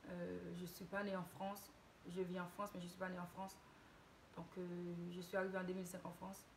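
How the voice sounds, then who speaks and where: A woman's voice: lowish voice, completely flat delivery, brisk, a little hiss or hum. A woman from Haiti telling a casual story-time tale to her channel, hesitant, with many restarts and self-corrections.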